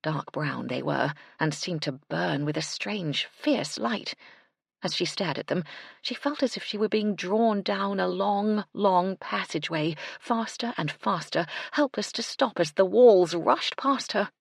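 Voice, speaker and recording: A woman narrating a cozy mystery audiobook with a measured, expressive delivery. Her voice is low and gravelly with a husky edge. The sound is close and dry. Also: dry recording. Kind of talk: scripted narration.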